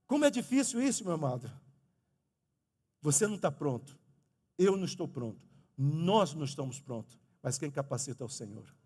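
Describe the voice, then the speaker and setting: A middle-aged man preaching a lively sermon as pastor in a church, speaking to the congregation. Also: high voice. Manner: animated preaching, talks of his own stutter. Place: church sanctuary. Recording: long reverb of a church hall.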